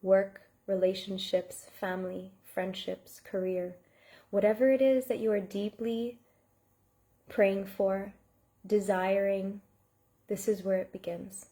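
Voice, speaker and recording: A woman coach leads a live online masterclass in an earnest, heartfelt way, greeting viewers by name as they comment. Her voice is mellow and warm, pitched at an ordinary middle height. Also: fairly even intonation, slow.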